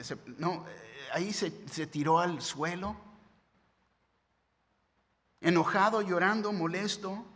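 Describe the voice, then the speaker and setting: A man's voice: high voice, fairly bright tone. A man, preaching a sermon as pastor in a conversational way, often asking "right?". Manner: conversational preaching with tag questions. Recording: long hall reverb.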